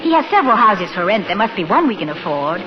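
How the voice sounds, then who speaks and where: An actress playing a genteel, determined young widow in a vintage radio drama. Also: female voice, mid-range voice, big pitch swings, fast, natural voice. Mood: resolute. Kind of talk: 1940s radio acting. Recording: muffled, noisy old radio recording.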